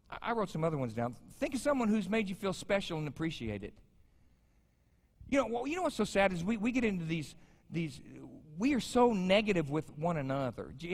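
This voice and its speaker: His pitch sits fairly high and has a slightly mellow quality. He's a pastor in his fifties giving a sermon in a large sanctuary, casual and joking with those gathered, and the room's long reverb is clearly audible.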